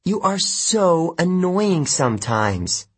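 A clever, fretting teenage girl who speaks earnestly, put on by a male audiobook reader. Her voice is raised high and sounds husky. She speaks slowly, and her pitch moves around a lot. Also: very animated, full character voice.

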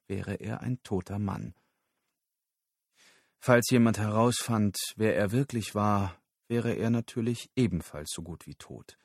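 A man narrating an audiobook in a steady, measured storytelling voice. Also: deep voice, no room sound, studio quality.

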